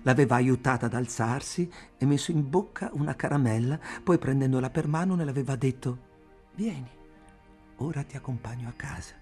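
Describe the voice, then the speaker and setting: A man narrating an audiobook in a measured, deliberate way. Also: mid-range voice, darkish tone.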